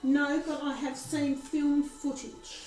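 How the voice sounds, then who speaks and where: A woman's voice: high voice, flat delivery, slow pace. A woman playing a tabletop horror game, chatty and eager in her replies. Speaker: player. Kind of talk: casual tabletop game chat. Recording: echoey room with chatter.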